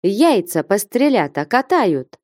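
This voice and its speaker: Hoarse, whining drunken man, self-pitying, slow and dragging, voiced by a woman. Audiobook. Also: mid-range voice, sing-song, darkish tone, no room sound, clean studio sound. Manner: whining, complaining.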